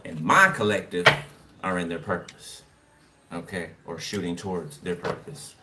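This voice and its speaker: A man's voice: sits low, normal speed. Rambling man reading tarot from afar. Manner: rambling, filler-heavy, repeats "okay" and "you know". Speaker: tarot card reader. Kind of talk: casual tarot reading monologue. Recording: distant mic with background noise. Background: birds chirping.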